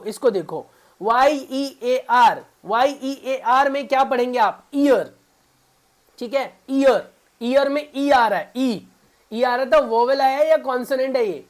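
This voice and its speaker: A man teaching a spoken English grammar lesson to beginners. He keeps quizzing his viewers with repeated questions and talks to them in a fatherly way. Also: very high voice. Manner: fatherly, calls viewers son.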